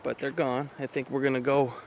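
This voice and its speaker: At a forest campsite, a man vlogs on a handheld camera in a mid-range, flat voice, a little fast, chatting in a laid-back, rambling, easygoing way. Slight background noise is audible.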